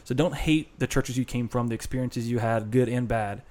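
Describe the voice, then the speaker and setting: A male co-host with a mid-pitched voice. He shares thoughts in a loose, rambling way, with a friendly, conversational tone. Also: fairly even intonation, normal speed, a little mellow. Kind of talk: casual conversation.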